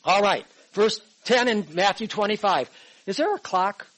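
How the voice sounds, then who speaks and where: A man's voice: high-pitched, lively intonation, moderate pace, a bit bright, poor audio. A man in his sixties teaching a Bible class from his notes, emphatic and conversational, often checking in with "all right?" and "okay". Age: 60s.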